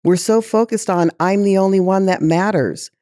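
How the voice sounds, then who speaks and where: Female interview guest, mellow voice, impassioned and rhetorical. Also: mid-range voice, moderate pace, no room sound, clean studio sound. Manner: impassioned, rhetorical, sighs heavily. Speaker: guest executive. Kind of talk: passionate conversational interview.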